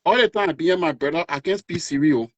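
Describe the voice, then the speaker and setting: A man's voice: on the high side, a little fast, no echo. A man with a Liberian West African accent giving his opinion as a call-in guest, emphatic and repeating his phrases. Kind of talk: casual opinionated discussion. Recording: dull lo-fi call audio.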